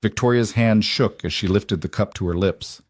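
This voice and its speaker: A man narrating a dramatic story in an even, measured scripted reading. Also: lowish voice.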